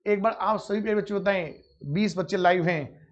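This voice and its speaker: Man teaching a live online class, high voice, dull lo-fi audio, quizzes students and answers himself. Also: fairly quick. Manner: calls students "beta", asks and answers his own questions. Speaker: Hindi grammar teacher.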